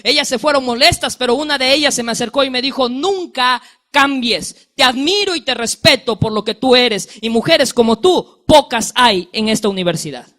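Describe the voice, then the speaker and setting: A man's voice: very high voice, animated, moderate pace, sharp tone. A male pastor, preaching a sermon and telling stories with acted-out dialogue. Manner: storytelling preacher, acting out dialogue.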